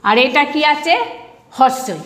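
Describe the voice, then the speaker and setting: In her online grammar lesson, a Bangladeshi Bengali-accented primary school teacher repeats each rule while asking and answering her own questions. Her voice is high, animated, a bit bright, and a little slow. She's recorded in an echoey room.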